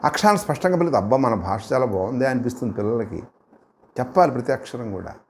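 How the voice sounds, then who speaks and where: A middle-aged man with a Telugu accent teaching grammar in a steady, mid-range voice. He drills sounds one by one, stretching each syllable so the class can copy it. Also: mid-range voice, fast. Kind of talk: grammar lesson.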